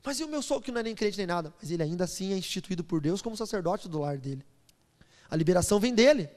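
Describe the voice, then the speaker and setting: A man, preaching a sermon as a pastor, telling stories and acting out voices with playful, animated energy. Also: high-pitched, fast talker. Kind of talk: sermon with storytelling. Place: church hall. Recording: long hall reverb.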